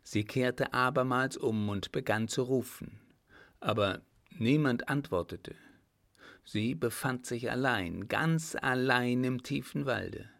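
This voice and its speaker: Male audiobook narrator, gravelly, very slow, measured reading. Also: medium pitch. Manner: measured, steady storytelling.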